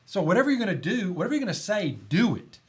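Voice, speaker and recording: Earnest emphatic man, higher voice. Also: sing-song, racing. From Tennessee. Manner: earnest, emphatic, stumbles and restarts. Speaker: podcast guest, volunteer chaplain. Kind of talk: conversational podcast talk.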